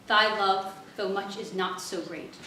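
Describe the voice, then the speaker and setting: A woman's voice: mid-range voice, fairly even intonation, unhurried, bright, forceful tone. A woman reciting a sonnet as a contestant, with dramatic delivery. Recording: echoey hall, background noise.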